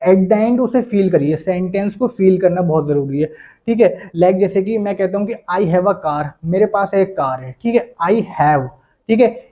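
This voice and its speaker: Young man from India, casual English tutor who keeps repeating a filler word; dull lo-fi recording. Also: high-pitched. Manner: repeats a filler after nearly every phrase. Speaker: English teacher. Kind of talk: casual spoken English lesson. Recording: dull lo-fi sound.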